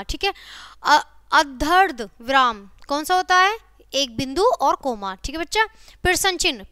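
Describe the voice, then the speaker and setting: Female teacher, high bright voice, dry close sound, repeats and checks in with the class. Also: dry recording. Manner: repeats phrases, frequent check-ins with students. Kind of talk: grammar lesson for children.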